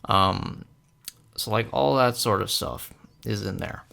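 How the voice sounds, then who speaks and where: A man's voice: on the low side, slow pace, gravelly, bright, forceful tone. A young man talking casually through a film analysis, rambling with many fillers and hesitations. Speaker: film commentator.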